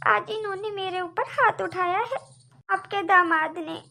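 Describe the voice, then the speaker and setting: A woman's voice: very high-pitched, a little slow, gravelly, bright, forceful tone, full character voice. A woman voicing a quarrelsome young wife in a cartoon, complaining and arguing. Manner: complaining, argumentative. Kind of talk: cartoon voice acting.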